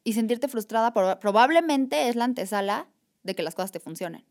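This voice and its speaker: Woman guest, animated reflective conversational delivery. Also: fairly high pitch, fairly quick. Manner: animated, reflective, repeats "o sea" and "¿sabes?". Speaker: podcast guest. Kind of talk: casual conversation.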